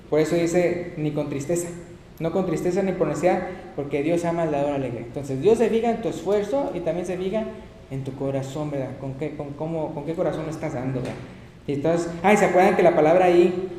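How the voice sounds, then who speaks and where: Guy preaching, acts stuff out n laughs, long reverb, bit of noise. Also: on the high side. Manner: animated, laughs often, acts out quotes. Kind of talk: sermon. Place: church hall. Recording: echoey church hall, faint noise.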